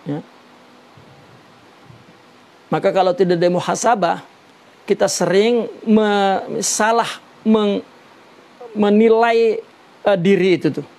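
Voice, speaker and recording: A man teaches a religious lesson on a Sufi text, going slowly and deliberately as he explains Arabic terms and fills his speech with many "ya" sounds. His voice is high-pitched with a somewhat dark tone.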